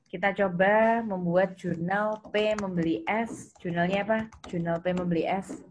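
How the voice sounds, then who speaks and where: A little slow and steady in tone, a mid-range female accounting lecturer walks an online class through the material one step at a time. She asks students questions and repeats their answers, and typing and clicks come through a noisy recording.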